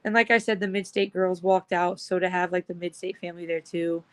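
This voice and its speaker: A woman's voice: lowish voice, steady tone, a little fast, clear, resonant tone. A woman talking casually as a guest, upbeat and rambling with lots of fillers. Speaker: guest, supporters' group organizer. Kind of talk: casual chat.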